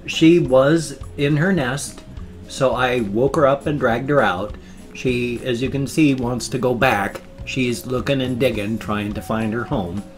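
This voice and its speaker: An unhurried, mid-range male voice comes through a home webcam setup, faint music behind it. He's a vlogger presenting his pet hamsters, chatting in a meandering way, restating things, with a slight slur from ill-fitting dentures.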